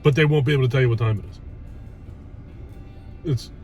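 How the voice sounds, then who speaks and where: A man's voice: mid-range voice, brisk, darkish tone, faint music behind. A man in his early fifties chatting casually while eating, chewing as he talks, in a blunt, exasperated, ranting way. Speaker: host of food review vlog. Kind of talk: casual chat.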